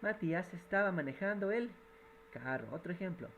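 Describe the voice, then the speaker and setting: A man's voice: sits high, expressive, a little fast, fairly bright tone, slight background noise, rough recording. Patient man teaching grammar rules. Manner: patient, repeats and translates each example. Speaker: English teacher.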